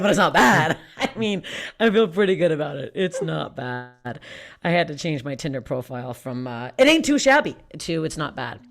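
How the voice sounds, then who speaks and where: A young woman comic from Canada working an online stand-up set. She is brash and self-mocking, swears freely, and often laughs through her own punchlines. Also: medium pitch. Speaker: stand-up comedian. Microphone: streamed stand-up.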